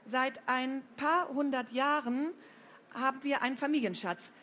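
A woman reading a storybook, voicing a cheeky, quick-tempered schoolgirl from a pirate family who talks brisk and defiant. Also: high voice, fairly bright tone, slight background noise, voice pushed up.

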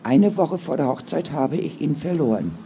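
A man's voice: fairly high pitch, expressive, normal speed, vocal fry, warm tone, slight background noise. A man voicing an angry, defiant young woman who is a mother, with indignant, bitter outbursts.

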